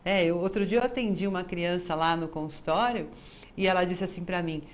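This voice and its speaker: A woman's voice: fairly low pitch, brisk, slight background noise. A woman with a Brazilian Portuguese accent hosting an advice show as a psychologist, talking straight to viewers and acting out the quoted lines herself. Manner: lively, acts out quoted dialogue. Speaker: psychologist host.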